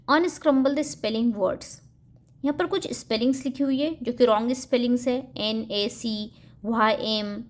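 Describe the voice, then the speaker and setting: A young woman hosting a homeschooling channel, explaining English practice worksheets for young children in a steady teaching manner and reading the English questions out slowly and clearly. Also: sits high.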